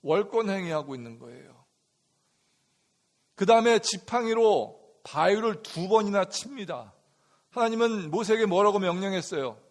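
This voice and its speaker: A middle-aged male pastor with a noticeably high voice preaches a sermon. He keeps turning to the congregation with questions and answers them himself. He leans into the story by acting out its sounds and sometimes calls out loudly to drive a point home. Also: lively intonation, normal speed. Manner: acts out the sounds of water in the story.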